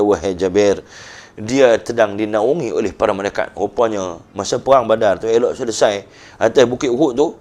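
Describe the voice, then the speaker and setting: Male religious teacher, northern Malaysian accent, animated storyteller voice for a youth talk. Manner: animated storytelling, voicing quoted figures with rising pitch.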